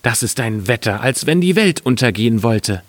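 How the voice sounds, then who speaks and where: A man's voice: medium pitch, lively intonation, moderate pace, no room sound, close to an everyday voice. A man reading a fairy tale aloud, voicing a nervous miller's wife in a raised, pleading voice. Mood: anxious. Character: frightened miller's wife, adult woman.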